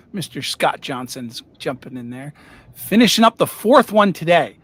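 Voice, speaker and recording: Relaxed man chatting while painting models. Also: on the high side, a little slow, breathy edge. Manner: relaxed, rambling with many fillers. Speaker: model railroad hobbyist host. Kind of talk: casual livestream chat while painting.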